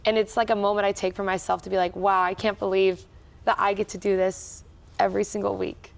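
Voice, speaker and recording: A woman's voice: mid-range voice, level tone, a little fast, vocal fry. Upbeat young woman cruise director. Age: young adult. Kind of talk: casual interview answers.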